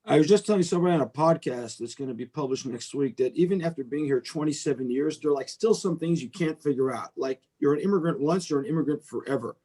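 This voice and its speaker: A middle-aged American venture capitalist appears as a guest speaker on a video call, talking informally and discursively with some self-deprecation. His voice is a little high and warm, and he speaks fast with few pauses.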